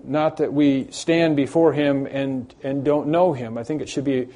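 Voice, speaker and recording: Mellow-voiced male preacher, emphatic and repetitive. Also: medium pitch, fairly even intonation, highs cut off. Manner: emphatic, repeats phrases, reads scripture aloud slowly. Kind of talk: expository sermon.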